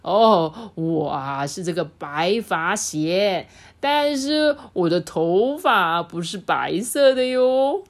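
Brief: hearty old storybook grandpa, drawn-out friendly lines, voiced by a woman. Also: lowish voice, lively intonation. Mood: jolly. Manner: laughing, drawn-out welcoming lines. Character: jolly old grandpa, mall owner, welcoming.

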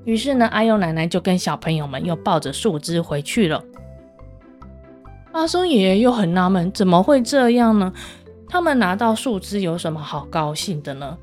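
A woman's voice: fairly low pitch, lively intonation, brisk, darkish tone, soft background music. A woman narrating a children's story in a chatty way, asking the young listeners questions.

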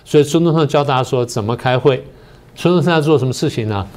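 An older man, a political science professor and guest on a talk show, explaining history in a slow, methodical way. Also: medium pitch, a little mellow. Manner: methodical, explains step by step with many pauses.

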